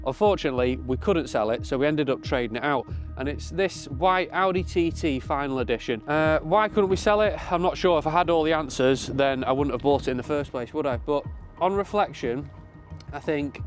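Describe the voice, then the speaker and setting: A British man, a car dealer hosting his own video, talks casually and unscripted in a matter-of-fact, explanatory way. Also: medium pitch. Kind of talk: casual unscripted vlog commentary. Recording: clear background noise from cars and outdoors.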